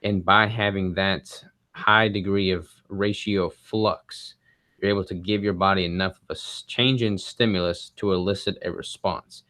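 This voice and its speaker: A man guest in a casual interview, explaining his diet approach in a quick, relaxed way with casual fillers. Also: deep voice, no room sound, clean studio sound. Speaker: bodybuilder guest.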